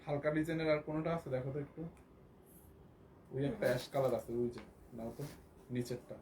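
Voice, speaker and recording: A hoarse man with a Bangladeshi Bengali accent, selling clothes on a live stream and repeating prices again and again. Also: fairly high pitch, fast talker, a little mellow, slight background noise. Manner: repetitive, keeps repeating prices and urging viewers to buy. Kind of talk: live shopping sales pitch.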